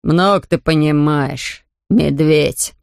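Woman voicing a grumpy older man, storybook, gruff, low, slow, dry close sound. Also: steady tone, no echo, exaggerated voice. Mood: grumbling. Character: grumpy greedy older male neighbour.

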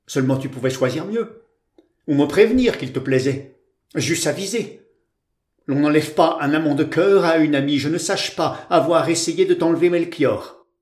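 A man's voice: a little high, normal speed, roomy sound, close to an everyday voice. Storybook role: man playing a haughty young woman, dry and cutting. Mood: curt. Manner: curt, disdainful delivery. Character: proud, cool young woman, dry and disdainful.

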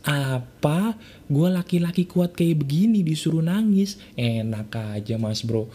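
A man puts on a proud young tough guy who scoffs at the idea of crying. He brushes it off in casual slang, his voice mellow and a little high. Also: lively intonation, a little slow, slightly rough. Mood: scoffing. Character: stubborn macho young man refusing to cry.

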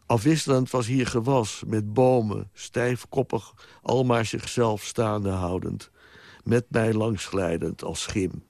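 Slow, solemn male poetry reader. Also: fairly low pitch, steady tone, vocal fry, darkish tone, no room sound. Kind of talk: poetry recitation.

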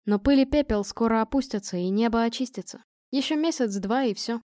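A calm young man lays out the facts in a matter-of-fact, reassuring way, as a woman reads him in her own slightly high voice. It is an audiobook read with a dry, close sound. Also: brisk, dry recording, natural voice.

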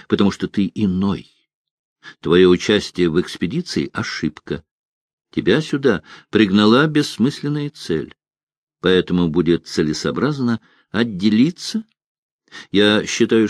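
A man's voice: on the low side, darkish tone, no echo, studio quality. A man voicing an imperious sorceress who speaks sharply and coldly, in a storybook reading. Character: cold, stern sorceress woman, commanding.

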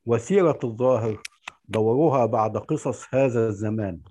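A man reading in the measured, formal style of a storyteller narrating a classical Arabic tale. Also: medium pitch, dark tone, slight background noise. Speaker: actor reading the storyteller part at a play reading.

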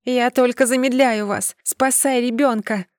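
A woman playing a hoarse wounded mother. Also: a little high, steady tone, measured pace, no room sound, studio quality, voice pushed up, lightly acted. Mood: desperate. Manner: strained, desperate pleading. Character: wounded young mother begging to save daughter.

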